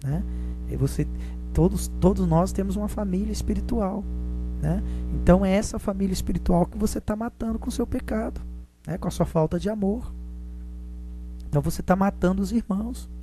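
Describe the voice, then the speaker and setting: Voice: medium pitch, fairly quick, warm tone, soft background music. A preacher delivering a sermon, repeating points and tagging phrases with a questioning "né?" while calling listeners beloved. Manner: repetitive, tags nearly every phrase with a questioning "né?".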